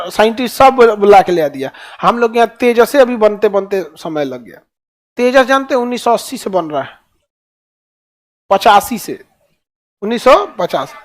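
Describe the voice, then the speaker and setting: High-voiced Bihari teacher, rhetorical questions. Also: male voice. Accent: Bihari Hindi. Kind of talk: classroom lecture.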